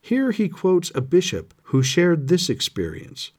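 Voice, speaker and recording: A man reads scripture and explains it in a slightly higher voice. His delivery is measured and reverent, with a lot of movement in his pitch as he stresses key words. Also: huge pitch swings, darkish tone, slightly rough. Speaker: scripture study teacher. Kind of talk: scripture reading and lesson commentary.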